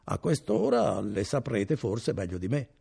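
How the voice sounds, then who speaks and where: A man voicing a jovial, self-assured merchant, hearty and commanding, with a gravelly husky voice, in an audiobook. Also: on the low side, big pitch swings, a little slow, dark tone, heavily acted. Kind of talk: audiobook character reading.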